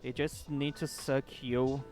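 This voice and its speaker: A man plays a game on a late-night stream, talking casually with his viewers, rolling his R's in a distinctive way and swearing casually. He speaks slowly at medium pitch, in a level, darkish tone, over faint background music.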